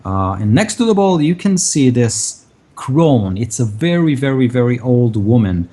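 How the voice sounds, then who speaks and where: A man narrating a tabletop game as game master, improvising descriptions in a halting way. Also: medium pitch, very animated, mellow.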